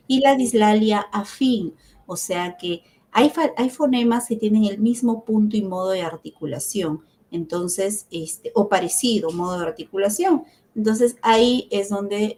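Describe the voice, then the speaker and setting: A middle-aged woman teaching a speech therapy course, explaining patiently and often checking in with her listeners through tag questions and filler pauses. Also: mid-range voice, warm tone. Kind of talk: online lecture.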